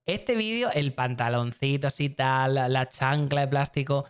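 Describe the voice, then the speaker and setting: A man's voice: medium pitch, normal speed, smooth. A man streaming, chatting casually and rambling, often repeating himself and talking straight to his chat. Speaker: streamer reacting to videos.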